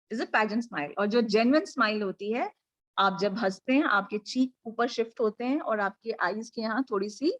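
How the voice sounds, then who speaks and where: A woman with an Indian accent coaching pageant finalists over a video call, projecting her voice energetically and mixing English and Hindi as she directs them. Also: poor audio. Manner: energetic, projected voice pitched above her normal talk; mixes English and Hindi, coaxing and directing the class. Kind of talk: live online coaching session.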